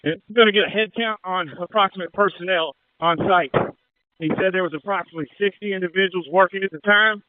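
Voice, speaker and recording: High-voiced fire officer over a handheld radio. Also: male voice, fairly even intonation, fast talker, no echo. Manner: terse, clipped status reports. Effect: heard over a handheld fire radio. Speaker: fire engine officer on scene. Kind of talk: fireground radio traffic. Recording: tinny two-way radio transmission.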